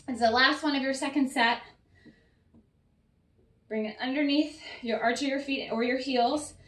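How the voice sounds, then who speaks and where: A woman's voice: fairly high pitch, a bit bright, far from the mic. A woman fitness coach guiding a workout, encouraging and cueing each breath and rep, a little out of breath. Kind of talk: workout instruction. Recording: roomy sound, voice off-mic.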